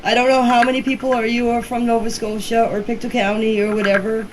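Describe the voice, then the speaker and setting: She talks fast, her fairly high voice level in tone, in a phone voice message that's low quality with a little hiss or hum. This community member in her fifties discusses a case in a personal, plainspoken, emphatic way, repeating things for stress.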